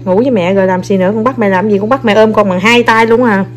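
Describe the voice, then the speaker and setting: This woman talks fast in a mid-range voice with fairly even intonation while faint music plays in the background. She's a young mother filming her kids, coaxing them with short repeated commands and addressing viewers in a relaxed, playful tone.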